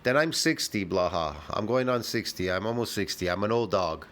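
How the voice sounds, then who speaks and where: A man's voice: fairly low pitch, fairly quick, fairly bright tone. A man giving blunt, casual commentary as he reacts to a clip, brash and argumentative, swearing freely.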